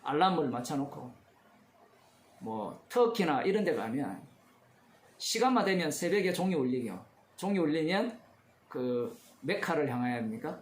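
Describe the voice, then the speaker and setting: This is a man on the higher side, heard in a roomy space with a little background noise. He's a pastor in church giving an expository sermon in a conversational style, quizzing the congregation while he explains the passage.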